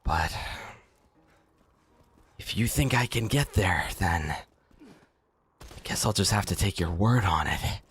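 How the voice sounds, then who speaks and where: A man's voice: low voice, lively intonation, slow, long pauses, a bit bright, a little hiss or hum, exaggerated voice. Shy little anime boy done by a guy, timid, kinda flustered, bouncy. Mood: bashful. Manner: bashful, self-doubting.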